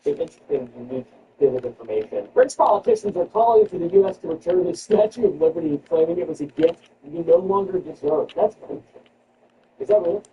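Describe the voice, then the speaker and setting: A man hosting a comedy show, riffing sarcastically on news items and jumping into high mock-outraged squeals. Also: wildly swooping pitch, brisk, creaky, lo-fi sound. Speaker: comedy podcast host. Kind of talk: comedic news riff with retakes. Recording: distant mic with background noise.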